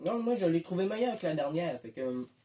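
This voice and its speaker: A man's voice: fairly high pitch, sing-song, fast, mellow, slight background noise. A man with a Québécois French accent chatting casually as he tastes snacks, munching chips while he talks. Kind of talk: casual chat, food tasting.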